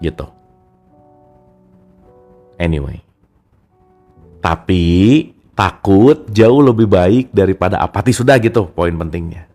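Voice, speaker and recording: Lively low-voiced man teaching casually. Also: takes it slowly, long pauses, faint music behind. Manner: chatty, lively, addresses listeners as friends. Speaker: teacher discussing a self-help book. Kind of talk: casual spoken book discussion.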